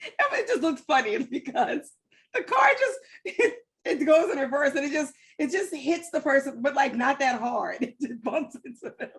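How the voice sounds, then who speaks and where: A woman's voice: sits high, sing-song, normal speed. A woman co-hosting a podcast, chatting casually about a TV episode with blunt, profane rants and a lot of "like.". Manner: blunt, profane ranting with frequent "like". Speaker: podcast co-host. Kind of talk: casual chat reviewing a TV episode.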